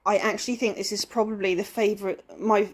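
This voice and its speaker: A woman's voice: mid-range voice, little pitch movement, fast talker. A woman with a West Country English accent, chatting casually and rambling as she narrates her furniture painting. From England-Wales border, UK. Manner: chatty, rambling, self-deprecating. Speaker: furniture flipper. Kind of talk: casual DIY vlog narration.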